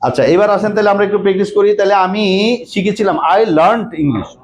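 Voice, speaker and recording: A man teaching English grammar, repeating key words and quizzing the class with quick questions. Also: sits high, a little mellow. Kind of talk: classroom lecture.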